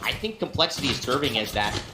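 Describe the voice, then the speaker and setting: A man's voice: medium pitch, sing-song, fast talker, reverberant, noisy background. A man working as an esports caster, giving analytical live commentary on a match.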